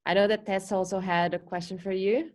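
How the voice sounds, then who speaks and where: A woman's voice: mid-range voice, fairly even intonation, fairly quick, darkish tone. A woman interviewer asking questions and giving brief, encouraging replies.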